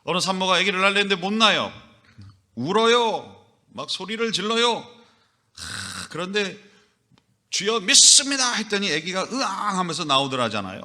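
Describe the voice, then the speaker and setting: A man's voice: sits high, big pitch swings, normal speed, bright, forceful tone. A middle-aged man preaching a Sunday sermon as pastor, with emphatic rises and acted scolding.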